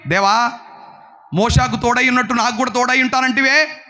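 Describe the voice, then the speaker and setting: Grieving old warrior leader lamenting to God, played by a man within a sermon, high and bright. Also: fairly even intonation, normal speed, exaggerated voice. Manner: pleading, lamenting.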